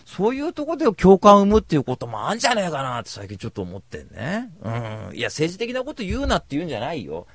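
A man talks quickly in a loose, slangy monologue, blunt and openly cynical. His pitch swings widely as he rambles from one story to the next, and the sound is dry with no room around it. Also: wildly swooping pitch, no echo. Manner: slangy rough speech.

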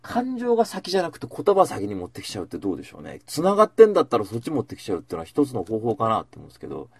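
Brief: male host, husky voice, very lively pitch, rambling storyteller in casual chat. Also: rapid-fire, no echo, studio quality. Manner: rambling storytelling with asides, acting out quotes.

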